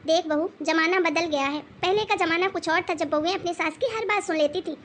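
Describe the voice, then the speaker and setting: A woman voicing a stern, wise old grandmother-in-law who scolds and lectures firmly in an animated moral story. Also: extremely high pitch, brisk, a little hiss or hum. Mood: lecturing. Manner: scolding, preachy and firm.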